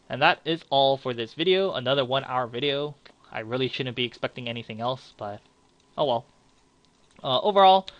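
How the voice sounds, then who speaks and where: A man's voice: medium pitch, a bit bright, no room sound. Rambling young man reviewing cards. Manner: frank, rambling, with many fillers and restarts. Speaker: card game YouTuber. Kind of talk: casual card review commentary.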